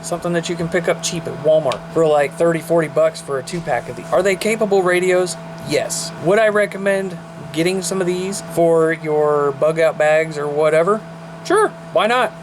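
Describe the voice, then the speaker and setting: Man, slightly high voice, folksy gear reviewer, casual vlog with clearly noisy sound. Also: normal speed. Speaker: radio reviewer. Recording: noisy camera audio.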